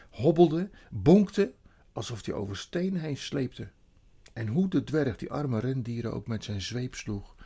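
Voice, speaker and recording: A man reading a children's story aloud in an expressive, dramatic way. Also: mid-range voice, gravelly, breathy edge.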